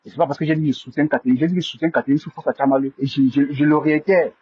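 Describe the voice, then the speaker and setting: A man's voice: on the high side, fairly even intonation, rapid-fire, slightly rough, lo-fi sound. A man hosting a live stream, stammering and repeating himself as he defends himself to viewers. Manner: indignant, defensive.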